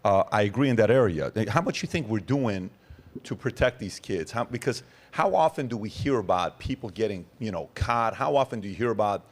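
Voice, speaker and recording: A man's voice: on the low side, lively intonation, brisk. A man in his forties hosting a podcast, building long questions with many fillers before he asks. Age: 40s. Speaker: podcast host. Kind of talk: interview questions.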